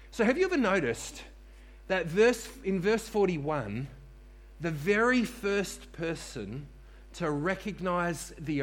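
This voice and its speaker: A man preaching a sermon to a congregation in church, repeating key phrases for emphasis and calling on listeners to respond. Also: on the high side. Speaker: pastor.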